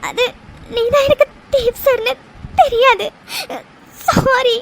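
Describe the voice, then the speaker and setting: Woman as a young cartoon heroine, very high voice, tearful, hesitant. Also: fairly even intonation, slow, heavily acted. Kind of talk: cartoon voice acting.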